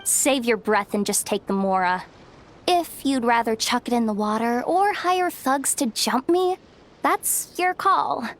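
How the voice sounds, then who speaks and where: Cocky and unbothered, a woman's fairly high, animated voice moves unhurriedly as she acts out a video game role. The character is a breezy, self-assured, streetwise young woman who speaks in a casual, teasing, slangy manner.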